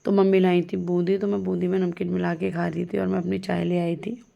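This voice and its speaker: Gravelly-voiced woman narrating her vlog. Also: lowish voice, little pitch movement, brisk, highs cut off. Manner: chatty, storytelling, laughs often. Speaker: vlogger.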